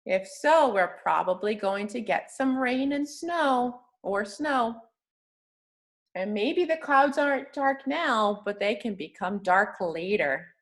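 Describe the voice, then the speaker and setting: A woman with a slightly high, somewhat bright voice reads aloud to young children the way a teacher would, asking questions and offering praise as she goes. Her language is simple, patient, and encouraging.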